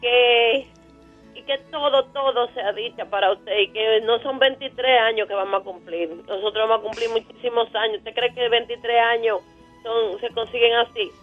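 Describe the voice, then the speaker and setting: A woman's voice: fairly high pitch, fairly even intonation, normal speed, soft background music. Tearful woman caller, heartfelt well-wishes, phone-line sound. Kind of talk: phone call to a radio show.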